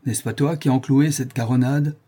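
A man voicing a fierce, scheming sailor traitor in a storybook reading, loud and theatrical. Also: mid-range voice, steady tone, normal speed, breathy edge, voice pushed up, lightly acted. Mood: menacing.

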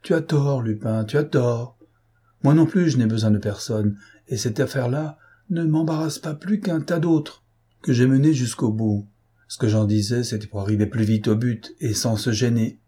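A man's voice: medium pitch, moderate pace, mellow, slightly rough, lightly acted. A man voicing a menacing, brutal baron who presses his rival with threats. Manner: threatening, insistent.

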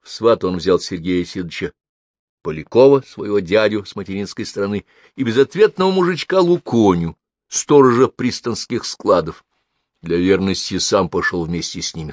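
A man reading a novel aloud in even, measured scripted narration. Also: low-pitched, dry recording, clean studio sound. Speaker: audiobook narrator.

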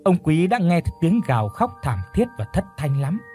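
A man reading a ghost story aloud in a measured, even storytelling voice. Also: on the high side, soft background music. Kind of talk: scripted ghost story narration.

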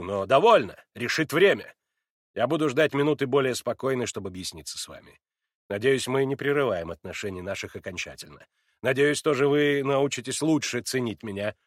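A man's voice: mid-range voice, no room sound, clean studio sound, natural voice. A man doing a haughty cold prince. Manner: measured, haughty, condescending. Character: cold, self-righteous older aristocrat, a prince. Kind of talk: audiobook reading.

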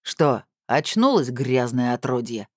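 A man voicing a huge, contemptuous male thug in an audiobook, speaking in slow, low, growling threats. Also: sing-song, dry recording, clean studio sound. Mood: menacing. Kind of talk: audiobook character voice.

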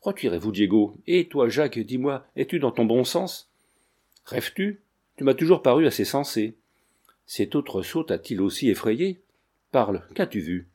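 A man's voice: mid-range voice, sing-song, normal speed, dark tone, slightly rough. A man reading the part of an angry, imperious middle-aged prince with curt, commanding questions.

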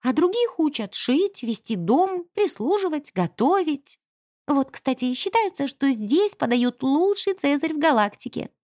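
A woman's voice: high-pitched, very animated, measured pace, darkish tone, no echo, clean studio sound, voice pushed up. A woman voicing a spoiled, haughty rich young woman who chatters and gossips. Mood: chatty.

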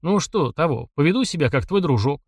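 A man's voice: a little high, lively intonation, fairly quick, dry recording, studio quality. A man reading an audiobook and voicing a sly, chatty driver in his thirties who teases and questions. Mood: jovial. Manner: chatty, teasing, probing.

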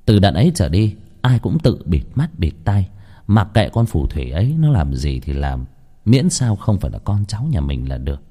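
A man narrating a horror story in lively, colloquial storytelling. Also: sits low, moderate pace, breathy edge.

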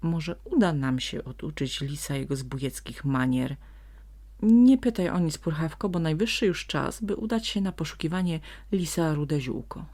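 A woman voicing a calm, wily male donkey who speaks steadily and firmly while pretending to threaten. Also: low voice, moderate pace. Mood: concerned. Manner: steady and firm, feigning menace.

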